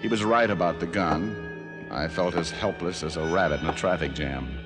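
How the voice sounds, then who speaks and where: A man acting as a hard-boiled private eye from a 1940s radio drama, with a fairly low voice. He is sardonic and quick with a wisecrack, cool when threatened. Loud music plays on the old recording. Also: natural voice. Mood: tense narration. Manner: wry, sardonic.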